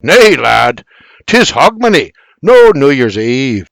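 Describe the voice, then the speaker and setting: In a dry recording, a man puts on a Scottish accent to play a stubborn, cheerful old Scotsman who lectures in heavy Scots dialect. His medium-pitched voice swings widely in pitch, moving slowly and insistently in a very theatrical performance.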